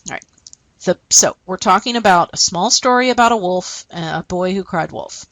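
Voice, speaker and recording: A woman's voice: on the low side, normal speed, fairly bright tone, no room sound, rough recording. A woman teacher explaining a lesson and reading short stories aloud, often checking in with "okay?". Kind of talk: recorded classroom lesson.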